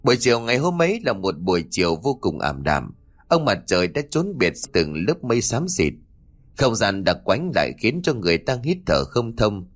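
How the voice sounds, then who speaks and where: A man reading a ghost story aloud in a dramatic, expressive manner. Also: on the low side, normal speed. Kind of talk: scripted ghost story narration.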